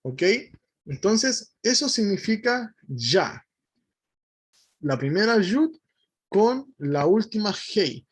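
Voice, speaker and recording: A man's voice: a little high, slightly rough. A man teaching a Bible lesson to his congregation, methodically spelling out letters and often checking in with his listeners.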